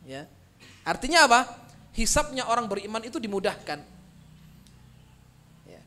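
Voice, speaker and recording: A man preaching a Quran commentary lecture to a gathered audience, reciting verses slowly and then explaining them, switching between loud emphatic lines and soft low asides. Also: big pitch swings. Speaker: Islamic preacher.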